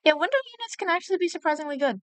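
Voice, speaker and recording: A woman's voice: very high-pitched, lively intonation, very fast, fairly bright tone, dry recording. A woman live streamer giving casual reaction commentary in a rambling, musing way. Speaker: VTuber streamer reacting to a video.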